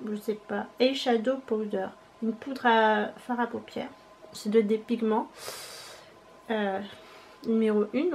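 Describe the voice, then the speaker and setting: A woman's voice: sits high, a little hiss or hum. A young woman chatting casually as she unboxes a parcel on her vlog, thinking aloud and hesitating often. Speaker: beauty vlogger.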